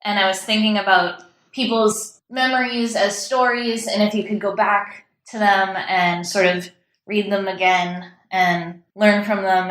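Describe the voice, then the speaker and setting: In a roomy, echoing space, a woman with a mid-range, fairly bright voice chats informally and enthusiastically. She's a guest playwright in a casual interview.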